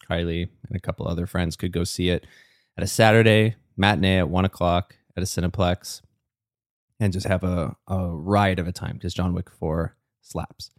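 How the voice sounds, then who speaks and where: A man co-hosting a podcast in casual chat, his voice a little strained, telling stories in a relaxed, rambling way. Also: low voice, no room sound, clean studio sound. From Canada. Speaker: podcast co-host.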